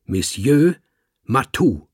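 A man voicing a sly, composed male French tomcat who talks calmly and smugly like a salesman, with a husky, creaky voice. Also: medium pitch, a little slow, no room sound, studio quality, pitched above the performer's own voice, exaggerated voice. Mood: cool. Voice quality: calm, smug, salesman-like. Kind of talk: audiobook character voice.

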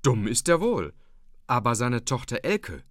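Young son, earnest and determined, as a male narrator plays him; animated, dry. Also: mid-range voice, a little slow, no room sound.

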